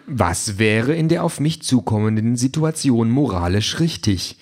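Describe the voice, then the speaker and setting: A man voicing an overeager, talkative male self-driving car that lectures in a bright, chatty way, reading an audiobook. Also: mid-range voice, animated, measured pace. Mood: lecturing. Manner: brightly chatty, lecturing, flares into furious shouting.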